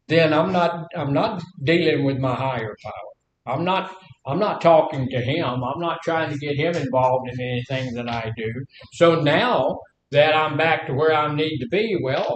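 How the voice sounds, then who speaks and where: An older man in his seventies with a Mississippi Southern accent, giving an informal, folksy teaching talk to a group, repeating phrases and asking rhetorical questions. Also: a little slow. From Mississippi, United States. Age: 70s. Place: echoey indoor room. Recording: echoey room, faint background noise and rumble.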